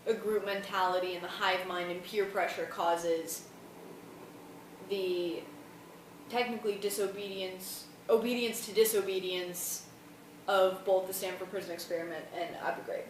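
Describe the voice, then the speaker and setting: A woman's voice: medium pitch, steady tone, normal speed. A young woman student rambling through a casual, colloquial explanation for a vlog, sounding tired. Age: young adult. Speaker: student vlogger. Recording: roomy, distant mic, faint noise.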